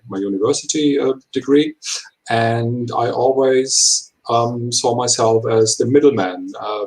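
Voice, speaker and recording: A man of 39 who is not a native English speaker gives interview answers in halting, imperfect English full of hesitations. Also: medium pitch, a little mellow, poor audio. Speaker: HR professional being interviewed.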